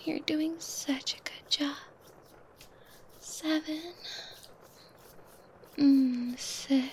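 A woman whispers close and soft in an intimate ASMR roleplay. Her voice sits high but mellow and warm, and she draws every phrase out very slowly, breathy and unhurried. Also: fairly even intonation, a little hiss or hum. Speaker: audio roleplay performer.

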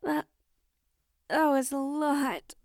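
A woman voicing a cheeky, insatiable woman in an intimate audio roleplay, talking with breathy, laughing asides. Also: sits high, fairly even intonation, extremely slow, darkish tone, dry recording, clean studio sound. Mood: playful.

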